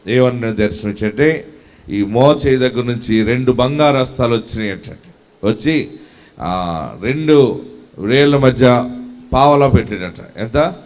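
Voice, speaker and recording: A man's voice: mid-range voice, measured pace, pauses often, darkish tone. A man preaching with a Telugu accent, asking the audience questions and telling a story. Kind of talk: sermon with storytelling.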